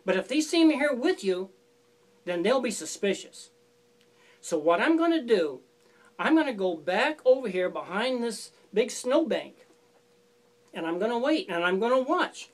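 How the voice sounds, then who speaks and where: A scheming male fox with a smooth, persuasive way of talking, put on by a woman telling the tale. His lines swing up and down with lively, playful pitch. He sounds like a storybook trickster. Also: a little slow. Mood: coaxing. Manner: coaxing, falsely friendly instructions.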